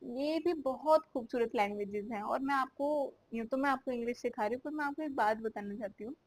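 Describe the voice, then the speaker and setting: A woman teaching English idioms in Hindi, saying each example sentence slowly and clearly. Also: sits high, poor audio. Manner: slow, carefully spaced example sentences.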